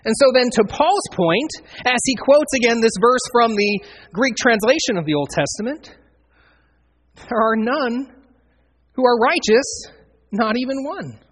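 A man's voice: very high-pitched, animated, a little slow, slight background noise. A man preaching an expository sermon, earnestly explaining and quoting scripture verse by verse. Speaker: pastor.

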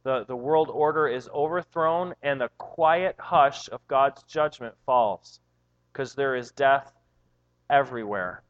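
A man's voice: medium pitch, slow, muffled recording. A man preaching a sermon, reading scripture aloud and explaining it with repetition and rising emphasis. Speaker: pastor.

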